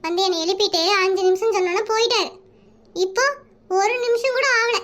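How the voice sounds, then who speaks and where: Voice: very high voice, brisk, fairly bright tone. A performer voicing a lazy, sleepy schoolboy in a cartoon comedy, begging for five more minutes and talking to viewers. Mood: whiny. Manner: whiny begging, chatty asides to viewers. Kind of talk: Tamil cartoon comedy dub.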